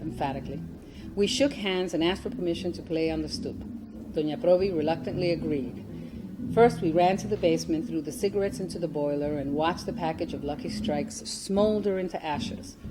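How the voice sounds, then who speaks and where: A woman, an author, reading from her memoir at a live event, animated and chuckling, with spoken asides. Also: low-pitched, normal speed, over music.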